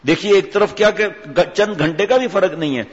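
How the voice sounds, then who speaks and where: A man's voice: sits high, husky. Emphatic man preaching in an echoing hall. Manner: emphatic, rhetorical, scolding. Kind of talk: sermon. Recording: dull audio with long hall reverb.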